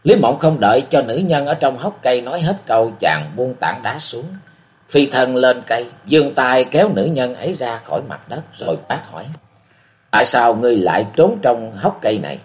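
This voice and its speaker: A man narrates a martial-arts tale with dramatic storytelling. His voice sits in a middle range and moves in a lively way. It is a read audiobook. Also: mid-range voice, normal speed.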